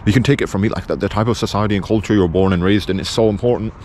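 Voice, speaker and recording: A man's voice: lowish voice, racing, darkish tone, slight background noise. A man from England with a British accent giving an unscripted opinion monologue in an insistent, blunt, repetitive manner. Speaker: video presenter.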